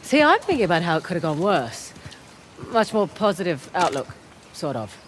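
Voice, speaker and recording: Wry, lively treasure hunter Chloe Frazer. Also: female voice, fairly low pitch, normal speed. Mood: wry, playful. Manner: teasing, breezy, dryly humorous. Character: wry, upbeat adult female treasure hunter. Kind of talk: video game cutscene acting. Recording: clear background noise under game dialogue.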